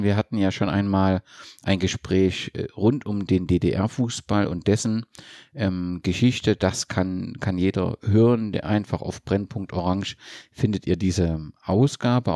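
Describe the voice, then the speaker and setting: A man introducing a podcast as its host, with a deliberate, halting delivery. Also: deep voice, a little mellow, no echo, studio quality.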